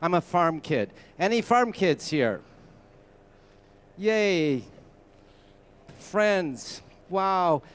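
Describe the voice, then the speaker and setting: A man's voice: high voice, very animated, takes it slowly, hardly any pauses, a bit bright. A man giving a conference masterclass, telling anecdotes and speaking straight to the audience. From Canada. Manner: anecdotal, conversational, addresses the audience directly. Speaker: masterclass presenter. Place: conference stage before a live audience.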